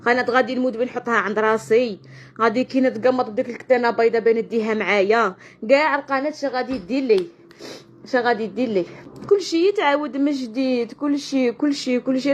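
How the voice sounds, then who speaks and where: A woman's voice: a little high, fast. A woman with a western Algerian Arabic accent, venting tearfully and in anguish in a personal vlog, repeating her phrases. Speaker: online video creator. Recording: dull lo-fi sound with loud-ish noise.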